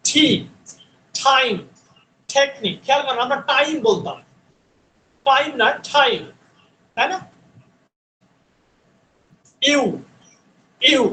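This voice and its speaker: A man with a very high voice teaches an online English pronunciation class. He repeats each sound several times and keeps checking that his students follow. The room is echoey, with faint noise behind him. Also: fairly bright tone. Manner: drills sounds by repeating them slowly, checks in with "হ্যাঁ?".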